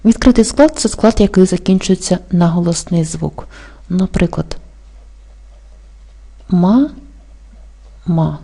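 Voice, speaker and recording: A woman teaching an exam-prep language lesson, explaining rules slowly and carefully and spelling out example words. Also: on the low side, warm tone. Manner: slow, careful dictation-like delivery.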